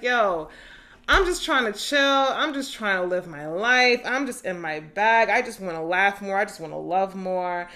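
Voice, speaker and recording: A woman in her thirties hosting a casual solo podcast, animated and profane, laughing often and turning to spiritual reflections. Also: medium pitch. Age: 30s. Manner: spiritual, preachy asides. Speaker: podcast host.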